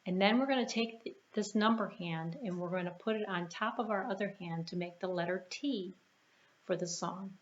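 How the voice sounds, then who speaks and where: A woman hosts a children's storytime at a library, speaking encouragingly at a normal pace with a medium-pitched voice. She uses simple, repeated sing-along phrases and asks the young listeners questions. The recording sounds dull and roomy, with echo and background noise.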